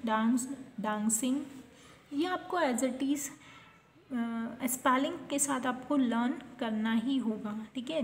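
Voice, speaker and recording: An Indian woman teacher walks young children through English verb lists at a slow, patient pace. Her voice sits fairly high, and she checks in after each few words. Faint noise hums behind her. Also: darkish tone, reverberant. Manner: slow, patient drilling of word lists with repeated "theek hai" checks.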